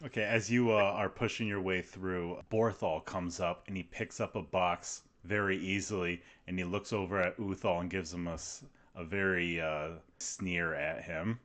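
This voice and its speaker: A man narrating a tabletop game as game master, steady and descriptive, in a room shared with the players on one mic. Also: low voice, moderate pace.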